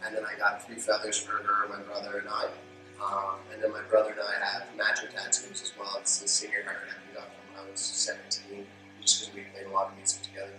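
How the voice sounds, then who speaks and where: A man's voice: fairly low pitch, completely flat delivery, fast, noisy background. A twenty-two-year-old man speaking matter-of-factly in a seated interview. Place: studio with gray backdrop. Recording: very echoey, mic off at a distance, music bed.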